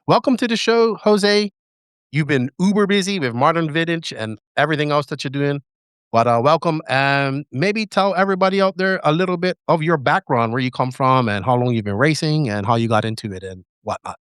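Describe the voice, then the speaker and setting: Podcast host: man, clear smooth voice, dry close sound, casual and rambling. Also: fairly high pitch, fairly quick, fairly bright tone, no echo. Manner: loose, rambling questions. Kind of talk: casual interview hosting. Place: remote, virtual studio.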